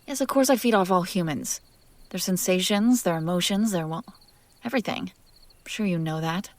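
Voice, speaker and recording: In an intimate, wry audio roleplay addressed to the listener, a woman with a lowish, natural voice plays a possessive, sardonic, curious female demon. She sounds baffled and irritated, teasing and conversational at a normal speed, sometimes dropping into hushed whispers. The recording is dry.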